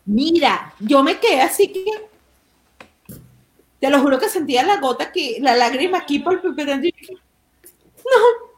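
A woman with a high, lively voice hosts a casual podcast. She tells stories with animated energy and laughs often. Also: normal speed, long pauses. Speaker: podcast host. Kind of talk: casual chat. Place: bedroom.

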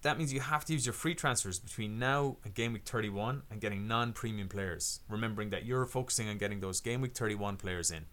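A man's voice: on the low side, a little fast, few pauses, a bit bright. A man co-hosting a podcast, explaining fantasy football plans step by step in casual chat, often restarting his sentences. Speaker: podcast co-host.

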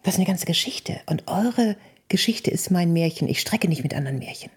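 A woman's voice: brisk, slightly rough. A woman, a wedding officiant, telling wedding anecdotes in a casual chat, acting out dialogue in a raised voice and dropping to whispers. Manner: lively storyteller, acts out dialogue in a high voice, drops to whispers.

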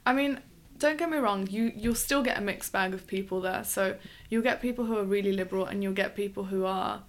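A woman, a wedding dress designer talking as a guest in a relaxed interview, thoughtful, with frequent ums. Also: mid-range voice, a little fast. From England. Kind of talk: conversational interview.

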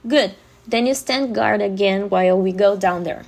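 A man doing a bossy young woman, husky. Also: high voice, pitched above the performer's own voice. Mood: commanding. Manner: brisk, commanding. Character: bold young woman Lucy, pyromaniac sister.

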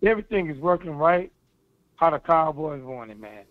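A man speaks over a tinny phone line in a high voice. He is an eager football fan calling in, talking in loose slang. The line is dry and narrow. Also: lively intonation, normal speed, no room sound. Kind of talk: casual sports chat.

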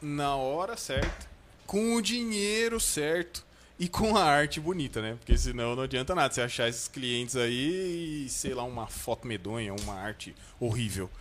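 A man's voice: medium pitch, normal speed, fairly bright tone, slight background noise. A man, co-hosting a podcast with casual, slangy banter. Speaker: podcast co-host.

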